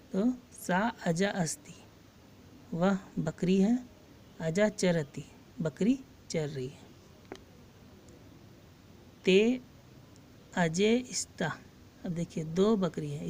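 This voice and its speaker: A woman teaching a lesson. She reads each phrase aloud and then explains it slowly and patiently. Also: fairly low pitch, darkish tone, slight background noise. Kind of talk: slow line-by-line Sanskrit lesson with Hindi translation.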